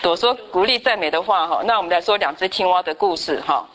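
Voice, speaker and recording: A woman teaching a church Bible study class, telling stories and asking the class questions in a lively, chatty way. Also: fairly low pitch, fast talker, noisy background. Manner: lively storyteller, tags sentences with a chatty particle, asks the class questions.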